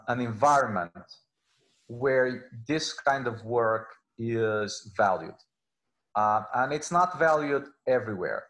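This middle-aged Portuguese man, a native speaker with a Portuguese accent, is a law professor being interviewed over a video call. His mid-range, slightly bright voice gives halting, conversational answers from an indoor room, picked up by wired earphones.

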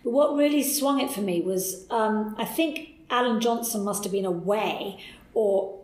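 A middle-aged woman, a podcast interview guest, telling a candid story in an animated, enthusiastic way, with laughs and restarts. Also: mid-range voice, normal speed. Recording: roomy echo.

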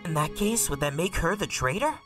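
A woman's voice: sits low, lively intonation, fairly quick, music in the background. A woman voicing an earnest, suspicious young male hedgehog time traveler in a comic dub. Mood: urgent, suspicious. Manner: blunt, urgent, easily flustered.

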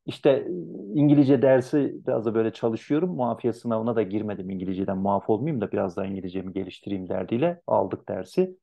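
A man teaching an Arabic translation class online, animated and lively, acting out students' complaints in a raised voice. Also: on the low side, quick pace, creaky, hardly any pauses. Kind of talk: online lecture.

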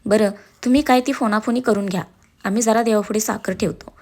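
Brief: woman playing a soft-spoken, emotional middle-aged mother in a story. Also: medium pitch, steady tone, fairly quick, close to an everyday voice. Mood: gentle. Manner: gentle, emotional.

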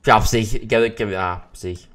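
A man's voice: fairly low pitch, fairly even intonation, a little fast, fairly bright tone. A man hosting a live gameplay stream, chatting casually, greeting viewers and humming while he plays. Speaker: livestream gamer host.

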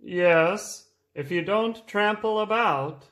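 A man voicing a calm, firm boat owner who speaks slowly and sets gentle rules. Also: high-pitched, reverberant. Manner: slow, measured, setting gentle rules.

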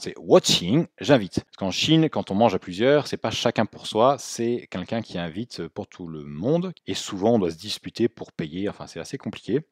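A man teaching a Mandarin lesson, explaining patiently and repeating Chinese words slowly, with casual fillers and self-corrections. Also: low voice, darkish tone, no echo, studio quality. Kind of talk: spoken language lesson.

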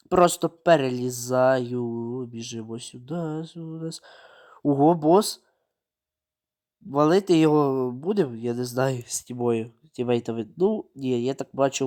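A man giving running gameplay commentary, narrating his own moves, repeating words and breaking into sudden excited outbursts. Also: mid-range voice. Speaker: mobile game streamer.

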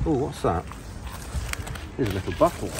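A man's voice: lowish voice, very animated, moderate pace. A middle-aged man, chatting and joking while magnet fishing by the water with his son. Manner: jokey, chatty, laughs often. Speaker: magnet fishing vlogger, father. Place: outdoors by water. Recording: loud outdoor background noise.

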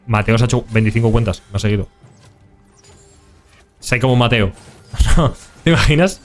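A man's voice: mid-range voice, expressive, normal speed, soft background music. A young man with a Spain Spanish accent, commenting casually on his gameplay and chatting with viewers in slang. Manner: casual and slangy, talks to chat. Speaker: streamer.

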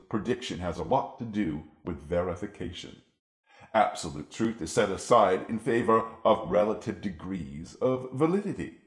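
A man speaking through an electronically altered, pitch-lowered voice effect, hosting a scripted commentary in a formal, measured, lecturing way with dry humor. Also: echoey room. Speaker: channel producer and host.

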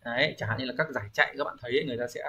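A Japanese language teacher, male, walks through a lesson reviewing for an exam in an ordinary mid-range pitch with a sharp tone. He explains things patiently, checks in often with rhetorical questions, and fills pauses with hesitant sounds as he thinks aloud.

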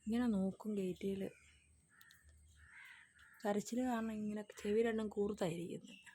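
A woman's voice: medium pitch, fairly even intonation, normal speed, mellow, breathy edge. A woman with a Malayali accent, chatting casually and narrating while coaxing her pet dog in sing-song baby talk. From India. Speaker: pet owner vlogger.

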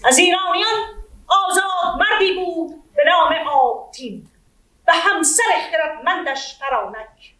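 A woman's voice: very high voice, pushed and bright. A middle-aged woman with an Iranian Persian accent performs epic teahouse storytelling in a theatrical, declamatory manner on stage. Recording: echoey auditorium, distant microphone.

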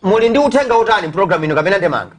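A man's voice: high-pitched, lively intonation, rapid-fire. A middle-aged Malawian man hosting a live sports phone-in show in a TV studio.

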